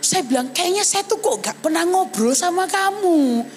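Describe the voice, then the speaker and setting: High, lively woman preacher telling a story. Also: normal speed, faint music behind. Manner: animated storytelling, often addressing listeners as brothers and sisters. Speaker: evangelist preacher. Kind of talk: testimony sermon. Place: church service.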